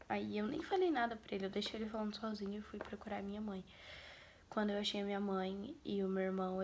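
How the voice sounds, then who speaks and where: A woman with a Brazilian Portuguese accent tells a personal story to camera as a vlogger. She speaks in a soft, breathy, half-whispered voice, sombre and grieving. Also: mid-range voice, a little hiss or hum.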